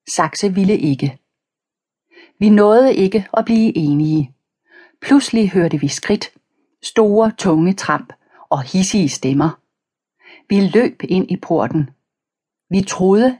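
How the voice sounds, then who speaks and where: A woman narrating a children's audiobook in the first person, calm and even, reading page numbers aloud. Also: lowish voice, slightly rough. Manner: reads page numbers aloud between passages.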